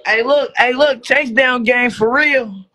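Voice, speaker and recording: A man with a Chicago accent, throwing excited, repetitive hype calls on a livestream. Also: extremely high pitch, unhurried. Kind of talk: hyped ad-libs on a livestream.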